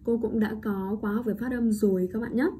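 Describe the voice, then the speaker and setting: A woman with a Vietnamese accent teaches English pronunciation, saying each word slowly and more than once before explaining it. She keeps checking in with her students. A faint hiss sits under the recording. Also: on the high side, fairly even intonation, mellow. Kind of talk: online pronunciation lesson.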